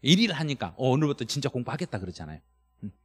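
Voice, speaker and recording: A middle-aged man teaching a live-stream exam lecture, excited and quizzing his viewers. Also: rapid-fire, breathy edge, long reverb tail. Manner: animated, jumps to high excited pitch on key words, quizzes the chat. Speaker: real estate tax law instructor.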